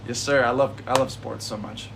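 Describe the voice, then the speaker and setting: A man's voice: mid-range voice, fairly even intonation, normal speed, creaky, fairly bright tone, recorded from a distance, a little hiss or hum, low-quality recording. A man in his twenties giving casual golf tips on a livestream in his backyard, friendly and easygoing, calling viewers buddy and bro. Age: 20s. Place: backyard outdoors.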